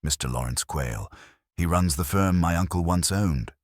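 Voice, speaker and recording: In an audiobook mystery, a man voices an anxious, guarded high-society woman who speaks earnestly and formally but falters, with a bitter, guarded mood. The pace is normal, and the recording is dry and studio quality.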